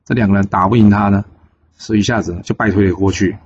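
Relaxed male storyteller, chatty retelling, dull lo-fi recording. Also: on the low side, fast talker, slightly rough. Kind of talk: storybook narration.

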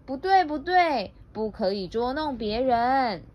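A woman's voice: on the high side, expressive, measured pace, highs cut off. A woman voicing a small bunny in a picture book read-aloud, who insistently corrects and scolds. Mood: scolding.

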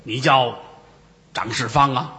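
A man doing a gruff ghost jailer. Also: mid-range voice, takes it slowly, sharp tone, pitched below the performer's own voice. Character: gruff male ghost escort with chains. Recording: reverberant room.

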